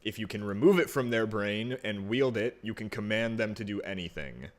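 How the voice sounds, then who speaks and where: A man's voice: fairly low pitch, moderate pace. A man narrating a tabletop roleplaying game as the game master, describing and ruling on play.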